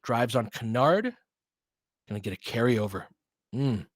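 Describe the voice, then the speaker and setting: In an expressive, unhurried mid-range voice, a man does casual play-by-play of basketball as a fan, combining action calls with opinionated, conversational breakdown and coaching the players aloud. The recording is dry and studio quality.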